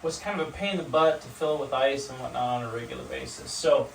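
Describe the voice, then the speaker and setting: A man's voice: mid-range voice, fast, vocal fry, recorded from a distance. A man talking casually and instructively to the camera while sitting in ice cold water in a home bathtub. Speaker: vlogger demonstrating ice baths. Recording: echoey bathroom, off-mic, water noise.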